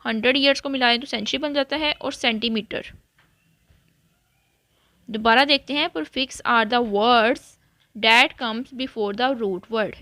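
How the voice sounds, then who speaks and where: A woman's voice: a little high, bright, forceful tone, no room sound. A woman English teacher, explaining a lesson step by step and mixing English terms into her Urdu-Hindi talk. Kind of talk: recorded classroom lesson.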